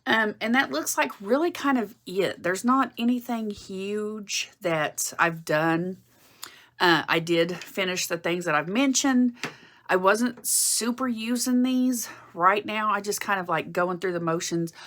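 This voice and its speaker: A woman's voice: mid-range voice, unhurried, fairly bright tone. A woman in her forties chatting casually to camera about her makeup, rambling and often correcting herself mid-sentence. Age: 40s. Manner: rambling, self-correcting, with frequent fillers. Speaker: beauty vlogger.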